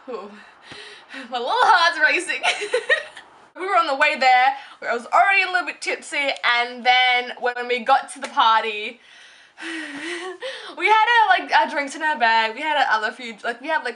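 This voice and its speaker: Young woman, bright tone, casual rambling vlog talk. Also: sits high, lively intonation, normal speed. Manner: rambling, filler-heavy, self-interrupting. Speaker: vlogger. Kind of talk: casual story time.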